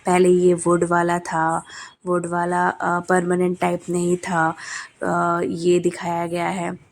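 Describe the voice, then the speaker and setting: A woman's voice: lowish voice, monotone, slow pace. A young adult woman with a cold, narrating a family vlog in casual chat, with many hesitant fillers. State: coughing, has a cold. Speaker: family vlogger.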